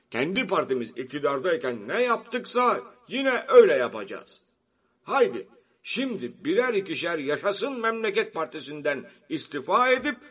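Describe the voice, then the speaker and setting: Man putting on a pompous party boss, raised and slow, with a husky voice. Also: fairly high pitch, a bit bright, distant mic, pitched above the performer's own voice, exaggerated voice. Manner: slow, emphatic speech-making. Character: pompous male party chairman giving orders.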